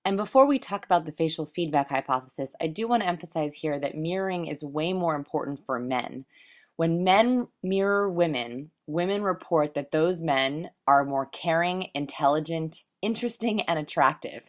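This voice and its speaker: A woman with a low-pitched voice teaches a life coaching course. She talks quickly in a recorded lecture style. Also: lively intonation. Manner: fast-talking.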